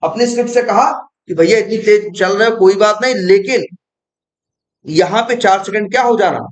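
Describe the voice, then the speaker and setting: A man with a very high voice walks through a coding lesson, tossing out questions and answering them himself. He speaks in a roomy space with a clear echo around him. Casual and teacherly. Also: moderate pace. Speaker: programming teacher.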